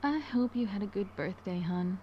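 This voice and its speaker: An actress voicing a sweet, gentle mother tucking her toddler into bed, soft and soothing. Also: medium pitch, lively intonation, normal speed, muffled recording, background noise, natural voice. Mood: tender. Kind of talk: game voice acting.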